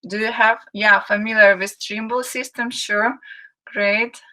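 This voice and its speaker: Greeting viewers over a computer microphone, a Ukrainian webinar host who works as a marketing and sales manager speaks English slowly, with frequent "uh" pauses. Her mid-range voice is bright with fairly even intonation, and she warmly reads out chat messages. The recording quality is low.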